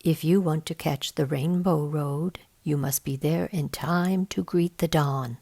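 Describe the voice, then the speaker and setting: A woman reader plays a brisk, cheerful female guide from a children's storybook. The voice is low and a little gravelly, and she lays out the rules in a plain, matter-of-fact way. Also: steady tone, mellow.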